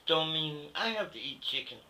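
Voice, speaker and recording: An older Vietnam War veteran from the United States recounts his past in a conversational interview, his fairly high voice lively in intonation, bright and forceful, at a moderate pace. He talks bluntly and colloquially, voicing emphatic opinions and peppering his speech with "you know." Faint background noise is audible.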